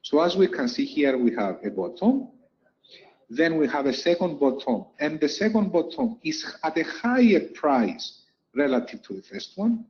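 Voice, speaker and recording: Lively male trading instructor, lo-fi sound. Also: fairly high pitch, moderate pace. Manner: explains step by step, repeats and stresses key points. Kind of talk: lecture over chart slides.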